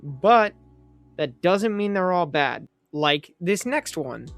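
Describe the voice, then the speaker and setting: A young man talking casually in a review vlog, rambling with animated asides and quick jokes. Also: high voice, no echo. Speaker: manga reviewer. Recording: faint music underneath.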